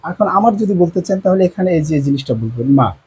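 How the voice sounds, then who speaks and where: A man teaching a language lesson at a board, repeating each word slowly and often, with many drawn-out fillers and a Bangladeshi Bengali accent. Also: high voice, expressive, a little mellow, breathy edge, poor audio.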